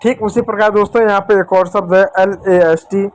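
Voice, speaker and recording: High-voiced man teaching step by step. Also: steady tone, a little fast. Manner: patient, repetitive, addresses viewers as children and friends. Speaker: English teacher. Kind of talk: whiteboard lesson explaining spelling rules.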